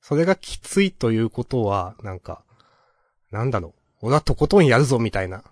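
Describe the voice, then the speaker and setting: A man's voice: medium pitch, very animated, a little fast, darkish tone, dry recording, clean studio sound. A man co-hosting a podcast, telling stories in rambling casual chat with many fillers and chuckles. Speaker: podcast co-host.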